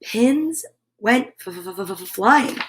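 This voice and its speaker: Hosting children's storytime, a woman reads a picture book aloud in an expressive, mid-range voice, adding playful, drawn-out sound effects and repeated words.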